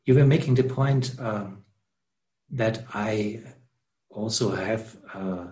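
A man's voice: fairly low pitch, slow pace, a little mellow, roomy sound. A man interviewing, asking questions hesitantly and searching for his words.

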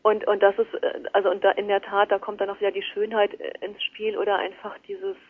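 A woman's voice: medium pitch, completely flat delivery, fairly quick. A woman speaking as a guest in a radio interview, thoughtful and hesitant with many fillers, heard over a phone line. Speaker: guest, works at a financial institution. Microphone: telephone.

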